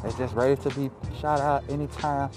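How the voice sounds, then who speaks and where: Steady in tone and medium in pitch, the host of this casual motivational podcast talks briskly. He repeats himself and swears to drive points home. His mask dulls the sound a little at the close podcast mic, and background music plays.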